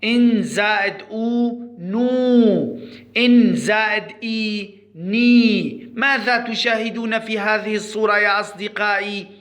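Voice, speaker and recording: A man teaching first-grade children to read, drawing out each syllable slowly and asking the class questions before he answers them himself. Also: high-pitched, steady tone, pushed and bright. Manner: slow, drawn-out syllables for repetition; encouraging, asks questions then answers. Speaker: primary school Arabic teacher. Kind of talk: children's phonics lesson.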